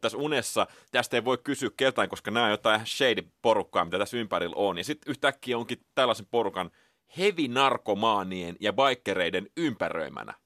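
A man's voice: fairly low pitch, no echo, studio quality. A man on a dream-discussion panel, talking it through casually and acting out scenes as he analyses them. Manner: animated, acts out the dream scenes while analysing. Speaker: cultural critic on a dream panel.

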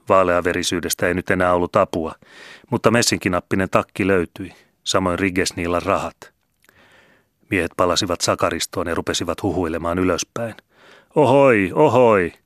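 Deep-voiced male audiobook narrator. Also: fairly bright tone, no echo, studio quality. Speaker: audiobook reader. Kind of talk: scripted narration.

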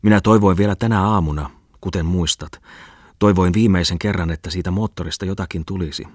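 Guy playing a fussy scheming scholar, low husky voice, talks in excited bursts. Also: no echo, studio quality. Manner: rapid exclamatory rambling. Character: excitable bustling male scholar, garrulous, scheming.

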